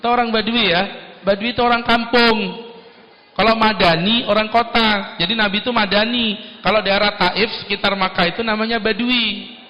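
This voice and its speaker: A male preacher giving a lively, joking Islamic sermon at a company event in a ballroom. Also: high voice, moderate pace. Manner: lively, joking, plays many voices. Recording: echoey ballroom through dull PA.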